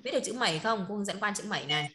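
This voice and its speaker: A woman's voice: medium pitch, lively intonation, rapid-fire, bright, forceful tone. A woman teaching an online language class, checking in often with short tag questions and laughing easily. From northern Vietnam. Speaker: Chinese teacher. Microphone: online video call.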